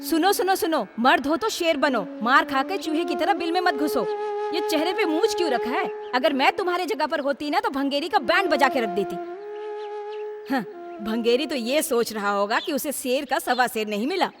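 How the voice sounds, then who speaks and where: A sassy, goading phone-booth owner. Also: female voice, sits high, expressive, moderate pace, big-room sound, music in the background. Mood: teasing goading. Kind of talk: Hindi film dub.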